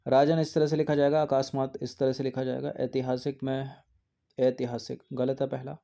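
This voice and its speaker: A man's voice: medium pitch, flat delivery, moderate pace, gravelly, warm tone. A man going through the answers of an exam practice test, explaining each one steadily and repeating words to check them. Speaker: exam prep teacher. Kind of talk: test series answer walkthrough.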